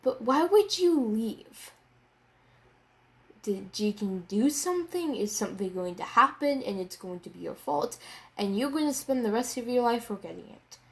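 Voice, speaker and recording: Young woman, excitable manga reviewer; slow, drawn-out delivery, rambling, swears when worked up. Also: fairly high pitch. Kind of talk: casual video review.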